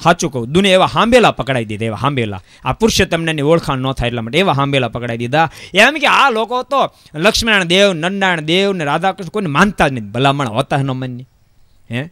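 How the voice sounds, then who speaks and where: High, bright-voiced preacher man. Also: dry recording, clean studio sound. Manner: animated storytelling, repeats phrases for emphasis. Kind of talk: religious discourse with parable.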